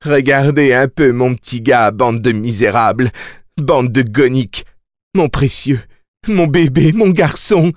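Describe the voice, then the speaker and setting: A man's voice: medium pitch, a little slow, no echo, clean studio sound, pitched above the performer's own voice, close to an everyday voice. A man voicing a crazed new mother who croons and shrieks over her baby, in an audiobook. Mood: frenzied. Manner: crooning then shrieking, breathless.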